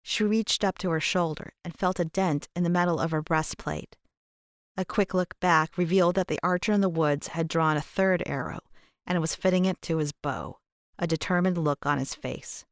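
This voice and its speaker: Woman audiobook narrator, low and smooth, dry close sound. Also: moderate pace, dry recording. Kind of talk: scripted narration.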